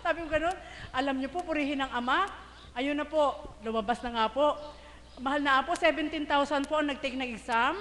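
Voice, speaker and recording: A woman's voice: high voice, a little fast, a bit bright, a little hiss or hum. A middle-aged woman giving an emotional spoken testimony to a congregation, laughing often and calling out to the crowd. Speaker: church member giving testimony. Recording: live stream in a reverberant hall.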